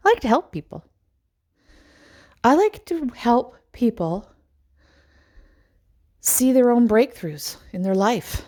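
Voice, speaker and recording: A middle-aged woman, a life coach, musing aloud in a rambling personal monologue with sighs and pauses. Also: on the high side, very animated, warm tone.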